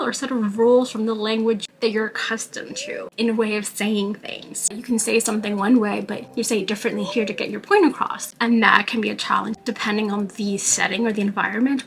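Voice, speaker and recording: A young New York vlogger talks casually to her camera, her voice a bit higher than average. She's easygoing and chatty, with run-on sentences full of "like" and "you know."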